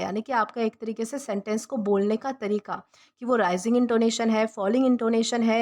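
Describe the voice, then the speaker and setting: Woman teacher, high voice, patient step-by-step vocabulary lesson. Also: a little mellow. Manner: repeats and rephrases each meaning patiently. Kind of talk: vocabulary lesson explained in Hindi.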